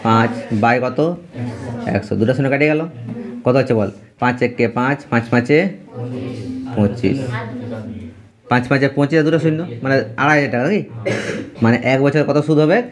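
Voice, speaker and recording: A man's voice: medium pitch, moderate pace, long pauses, over music. A man teaching a math lesson to students. He repeats key terms and asks questions, then answers them himself.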